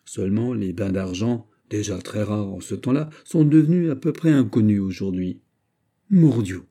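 A man with a French accent narrating a classic novel as an audiobook, measured and literary. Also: on the low side, warm tone. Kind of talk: scripted narration.

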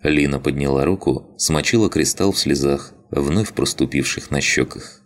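A male audiobook reader with an extremely low voice. He narrates the story in a steady, even manner, keeping an unhurried storytelling flow. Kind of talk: scripted narration.

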